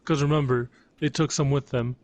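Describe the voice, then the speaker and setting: A man's voice: mid-range voice, steady tone, fairly quick, darkish tone, no room sound. A young man chatting casually with a friend while playing a story game, reasoning out choices. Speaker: co-player. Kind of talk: casual chat during a game.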